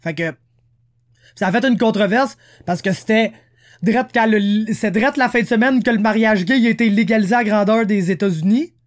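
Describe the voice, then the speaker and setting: A man with a Quebec French accent co-hosting a casual podcast, slangy and animated, dropping English words into his talk. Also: sits high, moderate pace. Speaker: podcast co-host.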